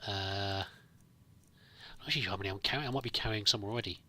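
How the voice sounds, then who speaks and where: A man with a lowish, pushed, bright voice talks quickly while giving casual in-character commentary on a video game. As a let's play host he rambles hesitantly and politely, with faint noise and game ambience in the background.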